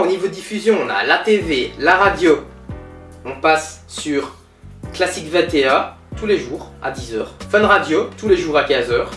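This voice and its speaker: A pompous, self-satisfied billionaire , played by a man, bragging in a lively, bouncy voice pitched a bit high. He sounds roomy and distant, with faint music in the background. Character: boastful, pompous male billionaire entrepreneur. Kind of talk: comedy sketch interview.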